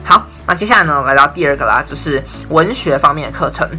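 A young man with a Taiwanese Mandarin accent explains things in a chatty vlog, his tone bright and forward. He keeps stringing thoughts together in an easygoing, talkative flow. Soft music plays faintly behind him. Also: a little high, expressive, fast talker. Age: 20s. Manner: chatty, leans on "I'm telling you" and "and then". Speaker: university English major vlogger. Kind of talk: casual explainer talk to camera.

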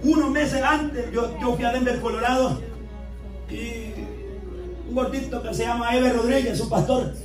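High-pitched preaching man in an echoey hall. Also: steady tone, moderate pace. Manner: impassioned preaching, swinging from soft to shouting, addressing listeners as brothers. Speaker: pastor. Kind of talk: sermon. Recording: echoey room from a distance with music. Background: music.

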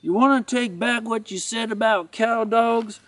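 A man's voice: very high-pitched, unhurried, fairly bright tone, far from the mic, voice pushed up. A man voicing a cocky, wisecracking male ranch dog who taunts with a mocking drawl. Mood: taunting.

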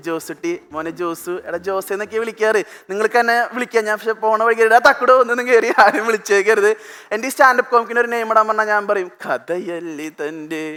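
On a TV studio stage, a fast-talking, high-pitched young comic from Thrissur, Kerala, runs through a stand-up routine full of quick, animated storytelling and imitated voices. Music and a live audience come through his stage mic amid heavy background noise.

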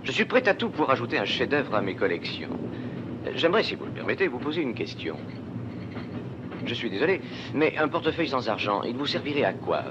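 An actor playing a witty, gallant gentleman thief posing as a count, in 1950s film style. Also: medium pitch, very animated, a little fast, noisy background, close to an everyday voice. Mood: amused. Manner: playful, gallant, ironic. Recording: dull old film soundtrack with music.

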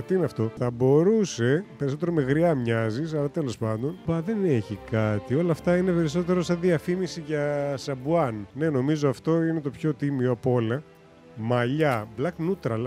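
A man's voice: mid-range voice, warm tone. A man streaming a game, chatting casually as he thinks aloud, running through options and cracking jokes. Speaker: gaming streamer. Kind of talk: casual let's-play commentary.

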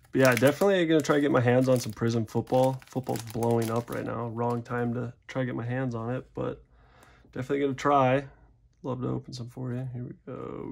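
At his desk indoors, the young host of a card-opening channel talks in a medium-pitched voice with vocal fry. He offers casual pack-opening commentary, meandering and making light of himself.

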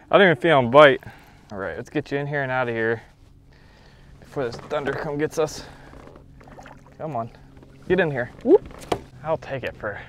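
Out on an open lake in a kayak, a young man fishes and vlogs, casually addressing himself and the fish and laughing at times. A boat-mounted action camera picks up his fairly high-pitched, fairly bright voice along with slight background noise.

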